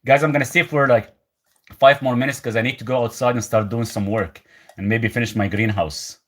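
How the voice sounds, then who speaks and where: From his country home in rural Lebanon, a man with a mid-range voice runs a live stream, talking a little fast. He casually reads viewers' questions out loud and answers them, rambling in a relaxed way.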